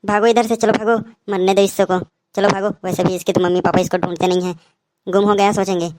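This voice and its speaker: A woman's voice: mid-range voice, flat delivery, fast talker, darkish tone, lightly acted. A woman voicing frightened, squabbling kids in a cartoon. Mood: panicky. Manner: panicky, squabbling. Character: jittery cartoon kids on a night camp. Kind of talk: cartoon dubbing.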